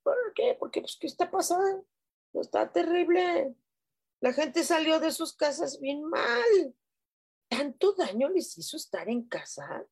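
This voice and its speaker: A woman's voice: sits high, sing-song, a little slow. A Mexican woman hosting a casual live stream, chatting playfully and reading out comments from viewers. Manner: playful, chatty, breathy hushed guiding. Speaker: host of a live spiritual stream.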